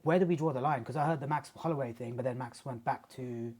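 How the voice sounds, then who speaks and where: A man's voice: mid-range voice, fast talker, a little mellow. A man, a podcast guest who chats casually, jokes around and swears freely. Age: 30s. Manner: jokey, playful, swears freely. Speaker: guest, martial artist and sports massage therapist. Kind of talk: casual chat.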